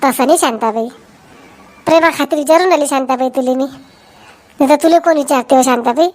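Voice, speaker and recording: A woman's voice: sits high, brisk, close to an everyday voice. A woman voicing a nosy village woman in a cartoon, speaking in a sly, needling way with a Varhadi Marathi accent.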